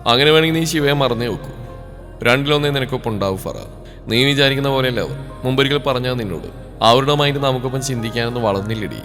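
A man voicing a protective young man who talks to his cousin in a steady, serious way. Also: mid-range voice, fast talker, natural voice. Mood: earnest. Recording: reverberant room with background music.

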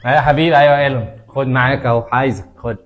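A man's voice: mid-range voice, fairly even intonation, muffled recording, faint music behind, close to an everyday voice. An actor playing a cheeky neighborhood barber who teases his customers nonstop, with an Egyptian Arabic accent, in a comedy sketch. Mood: teasing. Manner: teasing, bantering, rapid-fire jokes at customers. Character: cheeky joking neighborhood barber, adult man.

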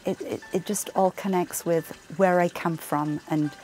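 A woman in her sixties with an English accent, a fibre artist speaking reflectively in a documentary interview, pausing often with ums. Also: fairly low pitch, steady tone. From England. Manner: reflective, soft-spoken, many ums and uhs. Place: home craft room. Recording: soft music underneath.

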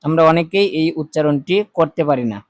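A man teaching Quran reading, slowly chanting letters and vowel sounds in a drill. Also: a little high, no echo. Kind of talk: spelling drill lesson.

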